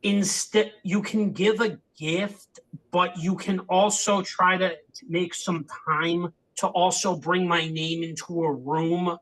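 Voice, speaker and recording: A man's voice: sits high, steady tone, takes it slowly, fairly bright tone, poor audio. A man hosting a podcast, chatting casually and rambling with many "you know" fillers. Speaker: podcast host. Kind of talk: casual interview chat.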